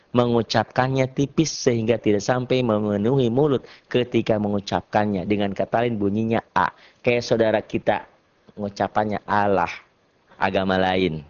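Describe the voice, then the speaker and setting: A man teaching Quran recitation rules in a casual, animated classroom style, joking and acting out imagined students. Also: mid-range voice. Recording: dull lo-fi classroom recording.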